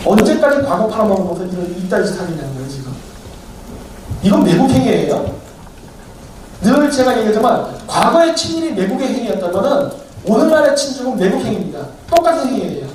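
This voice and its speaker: A man's voice: high-pitched, darkish tone. A man giving a heated political lecture as a commentator, combative, firing off rhetorical questions one after another. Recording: very echoey room, distant mic, faint noise.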